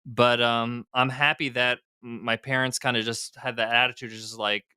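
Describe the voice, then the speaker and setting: A man's voice: mid-range voice, little pitch movement, normal speed, bright, forceful tone, smooth, no echo, clean studio sound. A middle-aged man, a guest entrepreneur, speaking candidly in a casual podcast interview with frequent fillers and restarts. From United States.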